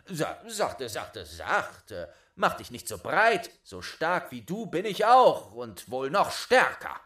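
A man voicing a fearless, cheeky young lad who talks boldly and loudly in a storybook reading. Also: fairly high pitch, wildly swooping pitch, measured pace, voice pushed up. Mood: cocky. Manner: bold, cheeky and loud.

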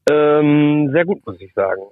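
Man on the phone from a car, tinny phone-line sound, dry, relaxed matter-of-fact reporter. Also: fairly high pitch, measured pace, no room sound. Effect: over the phone. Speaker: reporter and club expert. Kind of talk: casual phone-in chat.

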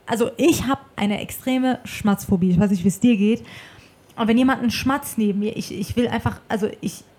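A woman's voice: fairly high pitch, brisk, a little mellow, husky. A woman co-hosting a casual podcast from her apartment, talking animatedly with dramatic exclamations. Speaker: podcast co-host.

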